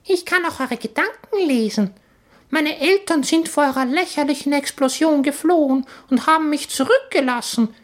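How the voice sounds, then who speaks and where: A squeaky, smug genius baby. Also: male voice, normal speed. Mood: smug polite. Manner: prim, overly polite, know-it-all. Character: smug, very clever talking baby. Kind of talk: storybook narration.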